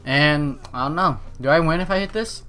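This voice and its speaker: A man's voice: fairly high pitch, normal speed, bright, forceful tone, soft background music. A young man giving casual gaming commentary for his channel, joking, teasing his friend and swearing casually. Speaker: gaming YouTuber.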